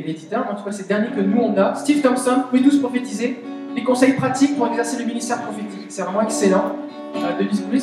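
A woman with a Québécois French accent preaching a chatty, animated sermon, asking the audience questions. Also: medium pitch. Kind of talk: conversational sermon. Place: church meeting hall. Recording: very echoey hall, voice from a distance. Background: soft guitar music.

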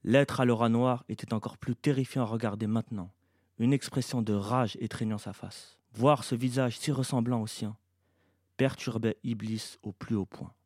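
A man, the author, reading his science-fiction novel aloud in an even, measured narration. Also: mid-range voice, no echo, clean studio sound.

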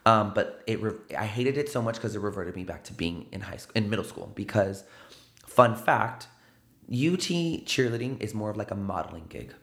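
This fairly low-pitched South Texas voice belongs to a man from the South Side of San Antonio, speaking at normal speed with vocal fry and noticeable reverb. Sitting as a guest in a podcast studio, he tells casual stories with animation, tacking "right?" and "like" onto his points.

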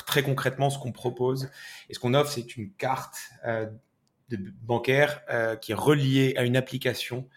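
A half-American man, a startup founder, explaining his company steadily and sprinkling in English loanwords. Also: medium pitch. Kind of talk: interview answers.

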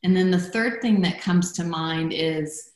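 A woman's voice: lowish voice, darkish tone. A woman from Guatemala, a guest speaking reflectively in an interview. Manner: reflective, measured, with fillers. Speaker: guest, former executive director. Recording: echoey room.

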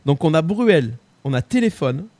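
A chatty male host with a fairly high voice runs a live quiz show. He repeats phrases, hesitates with fillers, and keeps the banter going. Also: sing-song, moderate pace, mellow. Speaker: host running a song quiz and prank calls. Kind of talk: lively live-stream chat.

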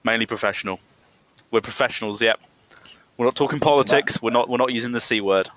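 A man hosting a podcast, relaxed and steering the casual chat. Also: medium pitch, fast. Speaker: podcast host.

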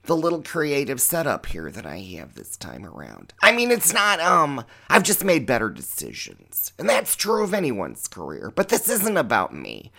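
A man's voice: on the high side, huge pitch swings, normal speed, vocal fry, hardly any pauses, sharp tone. A middle-aged man hosting a podcast as a drag queen, giving a rambling, tangential, profane monologue. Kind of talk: opinionated monologue.

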